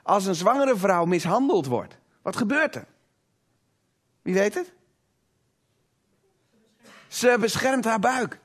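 High-voiced male preacher, emphatic. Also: lively intonation, slow, long pauses, a bit bright. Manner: engaging, asks the audience rhetorical questions. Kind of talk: sermon to a live congregation.

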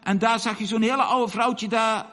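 An older man preaching a sermon, telling stories in a lively, folksy way and acting out the people he quotes. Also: high voice, moderate pace. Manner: animated, folksy storyteller who acts out quotes. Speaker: preacher and missionary. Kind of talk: storytelling sermon. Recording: hall reverb.

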